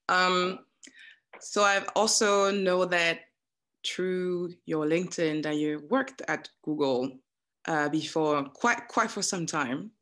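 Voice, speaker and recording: A woman's voice: lowish voice, slow pace, fairly bright tone. Woman hosting a video-call interview. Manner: hesitant, restarts often. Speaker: host. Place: home living room. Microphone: headset.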